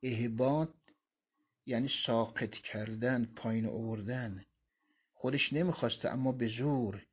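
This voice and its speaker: Husky man teaching Quran commentary. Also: on the low side. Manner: explains Arabic quotations phrase by phrase. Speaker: religious teacher.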